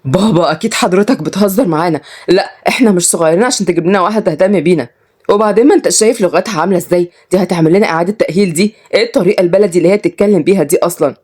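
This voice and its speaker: A woman's voice: sits low, very fast, darkish tone, slightly rough. A woman voicing a pampered young man who pleads and jokes, with an Egyptian Arabic accent. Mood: pleading.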